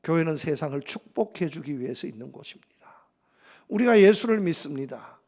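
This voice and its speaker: A man's voice: a little high, animated, fairly quick, a little mellow. A male pastor preaching a sermon, emphatic, with repeated phrases and rhetorical questions.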